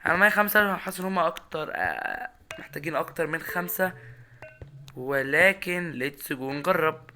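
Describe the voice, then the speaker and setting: A young man with an Egyptian Arabic accent commentating his own Minecraft run, excitable, talking straight to his viewers and repeating words in bursts. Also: fairly high pitch, normal speed, a little hiss or hum. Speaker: gaming YouTuber.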